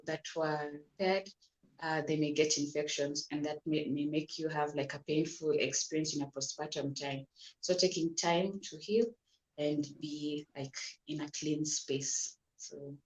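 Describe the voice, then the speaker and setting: A woman doctor, patiently explaining health advice in an interview, often repeating words and restarting. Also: fairly low pitch. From Kenya. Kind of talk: advisory interview answers. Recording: roomy echo.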